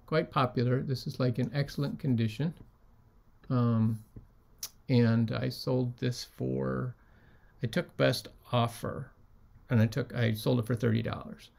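A man at a middle pitch with a gravelly edge to his voice. He talks in a relaxed, chatty way, filling pauses with ums as he shows what he sold. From United States. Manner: relaxed, many ums, holds up items. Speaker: reseller showing sold items. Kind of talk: casual vlog talk.

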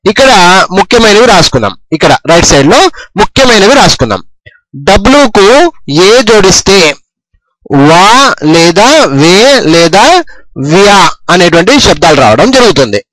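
Man, English phonics teacher, slow repetitive dictation, lively high voice, dry close sound. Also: no echo, low-quality recording. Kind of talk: phonics lesson explained in Telugu.

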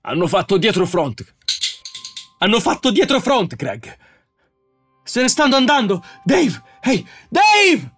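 A man voicing a frantic male astronaut trapped in a cave-in, excitable and shouting for help in an audiobook reading. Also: medium pitch, normal speed, slightly rough, no echo, faint music behind. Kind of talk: audiobook character voice.

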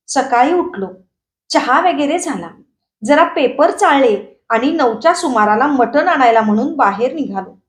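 A woman reading a short story aloud in a steady, dramatic storytelling manner. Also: sits high, reverberant. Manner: steady dramatic storytelling, rising for shouted quotes. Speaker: story reader.

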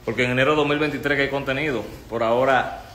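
A Dominican man hosting a live stream with his baby son, teasing and laughing, at times breaking into high squeals. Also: fairly even intonation, fast, a bit bright, slight background noise. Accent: Dominican Spanish. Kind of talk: playful live-stream chat.

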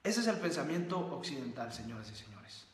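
A man's voice: medium pitch, sing-song, fairly quick, a bit bright. A man hosting a motivational livestream, speaking emphatically and repeating phrases and rhetorical questions. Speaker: host of a live book-review stream. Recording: echoey room with long reverb.

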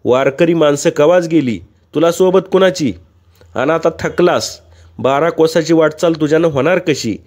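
A man's voice: mid-range voice, normal speed, mellow, close to an everyday voice. A man voicing a worried adult son from a village who talks bluntly in a raised voice. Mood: shouting.

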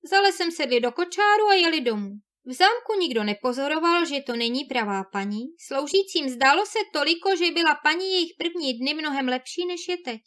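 A woman narrating a classic fairy tale in a clear, measured reading. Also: sits high, expressive, a bit bright.

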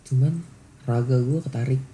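A man's voice: mid-range voice, fairly even intonation, moderate pace, crowd noise. A young man co-hosting a podcast, chatting in a laid-back, slangy way. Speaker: podcast co-host. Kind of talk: casual chat.

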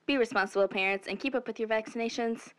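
A woman's voice: fairly high pitch, quick pace, a bit bright, dry recording, close to an everyday voice. A woman playing a gullible, upbeat parody news co-anchor with mock-sincere delivery in a satirical newscast.

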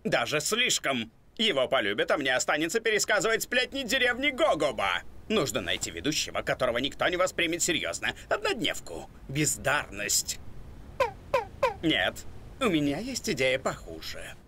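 A man's voice: fairly high pitch, wildly swooping pitch, normal speed, pushed and bright, a little hiss or hum, heavily acted. A scheming cartoon chimpanzee, a self-important talk show host. His delivery is dry and jaded, yet moves expressively up and down. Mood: scheming, brooding. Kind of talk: animated cartoon dub.

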